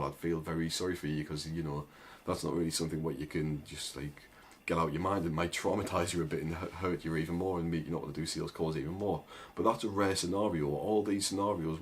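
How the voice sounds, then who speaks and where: Low-voiced with a breathy edge, this young agency-owner vlogger speaks in a thick northern English accent. He gives rambling, casual advice to camera, constantly saying "like" and "right?".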